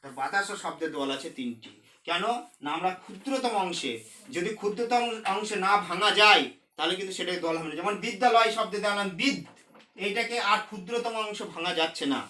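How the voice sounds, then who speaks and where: A man teaching a recorded lesson, explaining slowly and repeating key terms. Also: high voice, sharp tone, reverberant.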